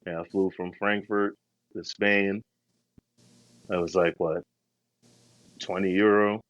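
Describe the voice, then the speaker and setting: Deep-voiced laid-back man. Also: little pitch movement, slow, dry recording, muffled recording. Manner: slangy, laid-back, rambling. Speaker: podcast co-host. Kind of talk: casual travel storytelling.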